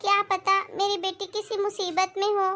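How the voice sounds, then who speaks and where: A woman voicing a worried, loving poor mother who speaks gently and anxiously. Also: extremely high pitch, flat delivery, moderate pace. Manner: anxious, gentle, soft-spoken.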